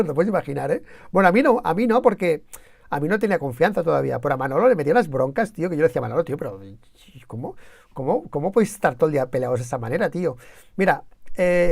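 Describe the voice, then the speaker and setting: A Spaniard talks loosely on his channel's live stream, rambling story to story and full of slang. His voice is gravelly, with some fry at mid pitch, and the sound is dry and close. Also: dry recording. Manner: rambling, slangy, tells anecdotes with quoted shouting. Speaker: YouTube channel co-host. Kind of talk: casual live-stream chat.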